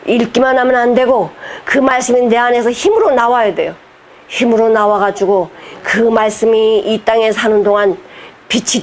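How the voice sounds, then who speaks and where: Woman pastor, emphatic sermon delivery, rhetorical questions, fairly high voice. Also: a little hiss or hum. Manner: emphatic, talks straight to the congregation with rhetorical questions; mixes formal preaching with casual speech.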